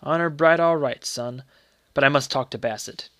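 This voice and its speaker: A man's voice: mid-range voice, normal speed, a bit bright, no echo, lightly acted. A man voicing a jovial, teasing uncle in a story, hearty and amused in manner. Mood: curious.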